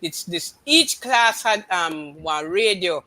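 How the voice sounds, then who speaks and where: Older Belizean Creole-accented woman, very bright, forceful voice, insistent and repetitive in casual chat. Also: fairly low pitch, animated, takes it slowly. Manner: emphatic, insistent, repeats phrases.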